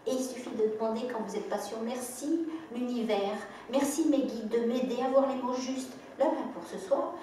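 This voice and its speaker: A woman giving a talk, telling lively anecdotes and acting out the dialogue, with frequent laughter. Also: on the high side, a little hiss or hum. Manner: lively storytelling, acts out dialogue, laughs often. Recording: echoey room, mic far off.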